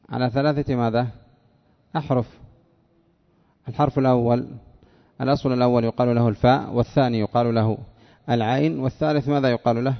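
A man teaching a grammar lesson who reads from a text, asks his listeners questions and answers them himself, slowing down to spell out example words. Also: mid-range voice, creaky, dull audio. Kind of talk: classroom lesson reading and explaining a text.

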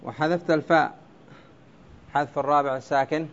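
A man's voice: fairly high pitch, steady tone, fairly quick. A man teaching a class on Arabic prosody, explaining step by step and quizzing his students with questions. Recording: dull lo-fi classroom recording.

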